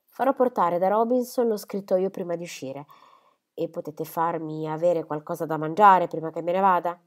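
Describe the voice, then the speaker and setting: A grief-stricken old country squire, proud and quick to flare up, read by a woman. The voice sits low and swings into loud emotional outbursts. Storybook reading. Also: natural voice. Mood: urgent. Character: grieving elderly country squire, impulsive and proud.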